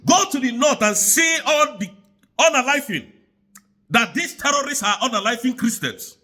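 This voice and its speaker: A man's voice: very high-pitched, animated, moderate pace, sharp tone. A man, giving an angry, repetitive political rant straight to his audience. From Nigeria. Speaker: commentator.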